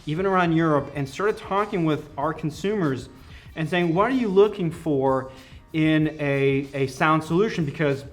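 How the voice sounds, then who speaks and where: This man's voice sits a little high and moves at a normal speed. He's a company product representative explaining a product enthusiastically in a conversational interview, with music playing behind him.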